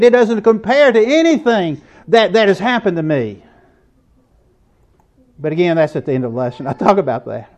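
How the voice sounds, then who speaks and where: High-voiced man preaching a lesson. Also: darkish tone. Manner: conversational, asks the audience questions. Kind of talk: sermon lesson.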